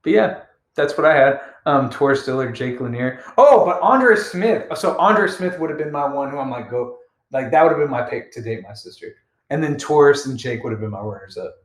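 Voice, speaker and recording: A man's voice: mid-range voice, expressive, moderate pace, echoey room. A young man hosting a podcast, chatting casually and playfully with lots of fillers. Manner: rambling, filler-heavy, playful. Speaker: podcast host. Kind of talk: casual chat.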